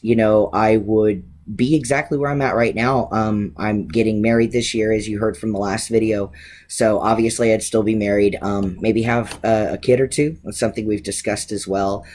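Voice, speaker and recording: Husky-voiced man in his thirties, laid back. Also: on the low side. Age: 30s. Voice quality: gently expressive inflections. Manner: relaxed, candid, frequent ums. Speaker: vlogger answering viewer questions. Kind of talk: casual Q&A vlog.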